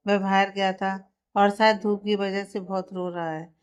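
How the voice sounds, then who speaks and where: A woman's voice: medium pitch, level tone, normal speed, clear, resonant tone, lightly acted. Woman playing a stern mother-in-law. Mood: worried. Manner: stern, reproving.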